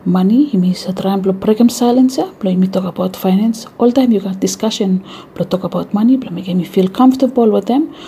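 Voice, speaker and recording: A woman's voice: mid-range voice, a little fast, warm tone, slight background noise. A woman with a Vanuatu accent hosting an informal educational radio talk in Melanesian pidgin mixed with English. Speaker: radio show host.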